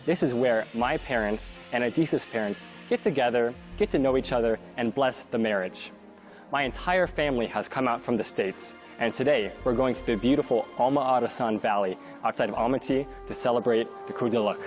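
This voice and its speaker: A man's voice: mid-range voice, fairly quick, soft background music. A young man from California hosting a travel show, explaining customs in an upbeat way. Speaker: TV host. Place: outdoors at a wedding celebration.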